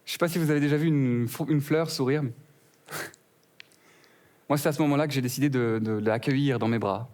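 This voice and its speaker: A man's voice: medium pitch, normal speed, pauses often, darkish tone. A young man performing a stand-up routine, telling a story full of wordplay and acting out both sides of a conversation. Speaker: stand-up comedian.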